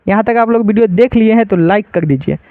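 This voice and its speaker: A patient male Sanskrit teacher, walking through reading rules and repeating each point. His voice sits high and sounds clear, though it comes over a narrow, phone-like line in a dry space. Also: quick pace, no room sound. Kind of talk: online lesson explaining reading rules.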